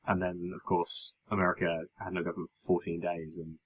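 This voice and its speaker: A man's voice: low voice, little pitch movement, a little fast, pushed and bright, husky, highs cut off. A man co-hosting a podcast, chatting casually and wryly about politics, rambling with hesitant fillers. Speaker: podcast co-host.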